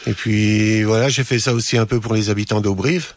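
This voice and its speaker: A man's voice: fairly low pitch, fairly even intonation, fairly quick, no echo. A French man, a singer-songwriter, talking modestly about his songs as a guest in a radio studio interview. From France.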